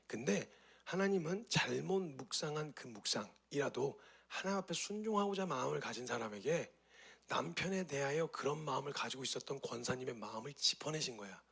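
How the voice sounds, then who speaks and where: A man voicing an elderly missionary who speaks gently and reassuringly. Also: medium pitch, expressive, a little fast, vocal fry, slightly rough, full character voice.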